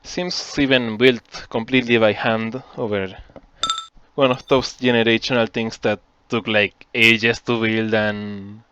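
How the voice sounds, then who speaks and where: Man, game master, slow casual narration, lo-fi dry mic. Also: fairly low pitch, little pitch movement, background noise. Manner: slow, casual scene description.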